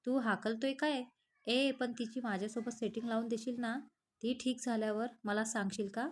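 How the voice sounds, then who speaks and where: A woman reads a young man's lines in a story. He is chatty, pushy and teasing with his friend. The voice sits a little high. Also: steady tone, moderate pace, slight background noise, lightly acted. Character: young man, lovestruck, pushy, joking friend.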